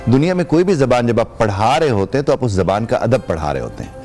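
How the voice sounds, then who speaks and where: A man's voice: mid-range voice, very animated, quick pace, a little mellow, faint music behind. Formal, explanatory male language teacher. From Pakistan. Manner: explanatory, formal Urdu with English words. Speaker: English teacher, guest. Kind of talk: studio TV interview.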